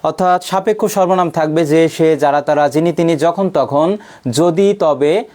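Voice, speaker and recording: High-voiced male grammar coach. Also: a little slow, darkish tone. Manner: drills by asking questions and answering them himself; clears his throat often. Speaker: Bangla grammar coaching mentor. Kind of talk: online exam-prep class.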